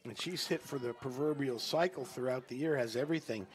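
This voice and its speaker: Man giving chatty softball color commentary. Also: mid-range voice, brisk. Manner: chatty, explains and adds stats.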